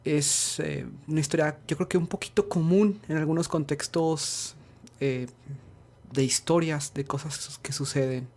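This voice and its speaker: A man hosting a podcast, reading a story aloud in a steady manner. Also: a little high, measured pace. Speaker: podcast host.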